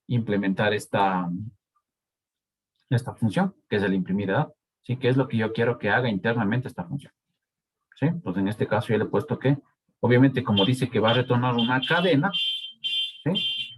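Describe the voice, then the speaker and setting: Speaking in a mid-range, slightly rough voice, this man leads a live coding class as a university lecturer, his Ecuadorian Spanish accent clear. He goes slowly, pausing frequently with "¿sí?" or "¿de acuerdo?" to make sure the students keep up.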